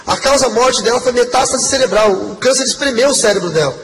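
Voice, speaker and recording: A man's voice: very high-pitched, a little fast. A man giving an earnest, emotional testimony sermon to a congregation. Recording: long hall reverb, faint background noise.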